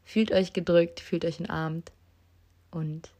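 A woman's voice: fairly low pitch, level tone, takes it slowly, dark tone. A young woman hosting her own podcast, telling a personal story in a casual, emotional, self-mocking way and speaking straight to her listeners on a basic microphone. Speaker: podcast host. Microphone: basic non-professional mic.

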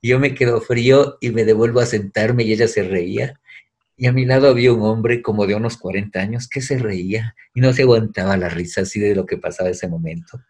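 Middle-aged man, husky and low-pitched, lively storyteller who acts out the voices. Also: a little fast. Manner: animated, acts out quoted voices. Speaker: guest. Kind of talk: casual storytelling.

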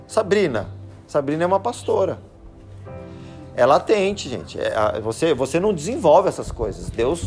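A man giving a sermon as a pastor, shifting between Scripture and casual family stories. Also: a little high. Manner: conversational, anecdotal preaching.

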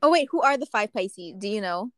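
A woman's voice: mid-range voice, animated, fairly quick, dry recording. A woman hosting a casual podcast chat, asking teasing questions and steering the talk. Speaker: podcast host.

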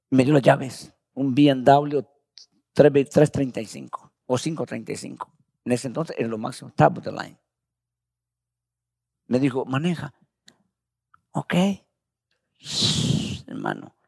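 Gravelly, husky-voiced preaching man. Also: medium pitch, a little mellow, no echo, studio quality. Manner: conversational storytelling, keeps addressing listeners as brother. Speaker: pastor. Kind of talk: testimony sermon.

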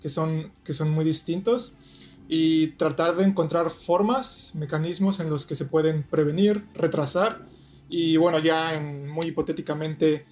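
Young Mexican man explaining calmly. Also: fairly high pitch, faint music behind. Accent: Mexican Spanish. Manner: measured, explaining step by step with fillers. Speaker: guest, doctoral researcher. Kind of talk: explanatory interview answers.

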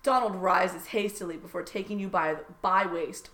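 A woman's voice: on the low side, moderate pace, fairly bright tone. A woman co-hosting a comedy podcast, reading fan fiction aloud with exaggerated drama. She stays playful and mocking throughout, and her laughter keeps breaking into the reading. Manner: giggly, breaks into laughter, mock-sultry line readings.

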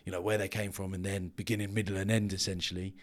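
A man hosting a casual interview, relaxed and reactive, with many fillers. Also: low-pitched, quick pace. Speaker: podcast host.

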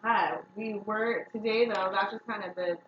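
A woman's voice: medium pitch, steady tone, moderate pace, a little hiss or hum. A woman co-hosting a podcast, chatting playfully and teasing her co-host. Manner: playful, teasing, swears casually. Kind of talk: casual chat. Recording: echoey, distant, dull sound.

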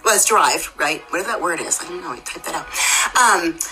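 Woman faith-podcast host, lowish pitch, bright edge, bubbly rambling delivery. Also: expressive, fast, faint music behind, low-quality recording. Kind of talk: devotional live chat.

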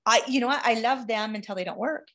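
A woman's voice: on the high side, fast, fairly bright tone. A woman hosting a podcast interview, eager and affirming, often answering "okay" and "right". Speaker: podcast host. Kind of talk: casual interview chat.

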